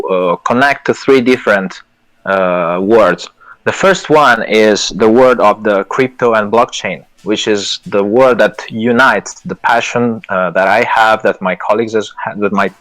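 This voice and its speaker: This man's lowish voice has a fairly bright tone, captured in a low-quality recording. Italian is his first language; he's a project lead guesting in a live audio chat, hesitant and prone to fillers and restarts, with an earnest, self-deprecating manner and light laughs.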